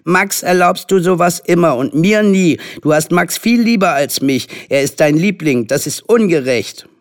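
A man's voice: high voice, measured pace, vocal fry, voice pushed up. A man doing a whiny seven-year-old boy. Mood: sulky. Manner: indignant, complaining.

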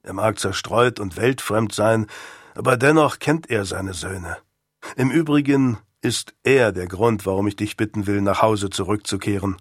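A man voicing a grave older male statesman who is stern yet kindly, speaking in a measured, solemn and reproving manner. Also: on the low side, no room sound, studio quality. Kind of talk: audiobook character voice.

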